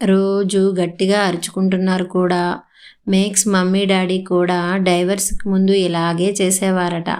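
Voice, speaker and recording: A woman's voice: lowish voice, little pitch movement, unhurried, a little mellow, close to an everyday voice. Woman reading a tearful little boy. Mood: upset. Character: young boy grandson, upset and tearful.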